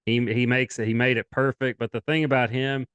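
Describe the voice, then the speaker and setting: A man's voice: mid-range voice, fairly quick, clean tone, no room sound, highs cut off. A young man co-hosting a sports podcast, chatting casually and rambling through his takes. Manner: rambling, animated, quotes others in put-on voices.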